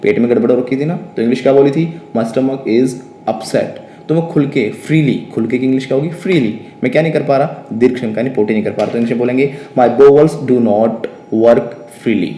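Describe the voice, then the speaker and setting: A man teaching a spoken English lesson, lively and questioning, dictating example sentences very slowly. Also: medium pitch, echoey room, slight background noise.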